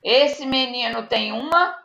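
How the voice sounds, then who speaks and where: A woman's voice: fairly high pitch, slow, creaky, bright, forceful tone. A woman with a Brazilian Portuguese accent teaching a live online class to young children, dictating patiently and checking in often. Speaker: primary school teacher. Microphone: video call. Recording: echoey, muffled video-call audio.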